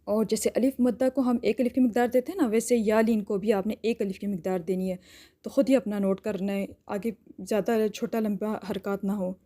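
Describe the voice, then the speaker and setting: A woman teaching Quran recitation rules. She explains each rule patiently and step by step, often checks in with "theek hai?", and stretches out words slowly to demonstrate. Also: mid-range voice, steady tone, dark tone. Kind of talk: tajweed lesson with slow drawn-out demonstrations.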